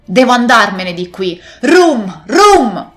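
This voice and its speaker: A woman voicing a violent, frightened old male pirate captain who shouts his commands. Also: fairly high pitch, sing-song, slow, soft background music, pitched above the performer's own voice. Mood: desperate.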